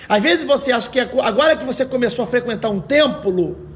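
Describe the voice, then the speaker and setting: A fast-talking Brazilian man preaches as an evangelical pastor, his high voice rough, hoarse and raspy, his intonation lively. The sermon feels like an informal livestream, colloquial and emphatic, pressing listeners with exhortations and rhetorical questions.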